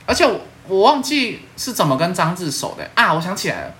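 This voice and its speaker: A young woman with a Taiwanese Mandarin accent hosts a casual podcast, telling stories animatedly, laughing often and swearing playfully. Her voice is fairly low and fairly quick, with slight background noise.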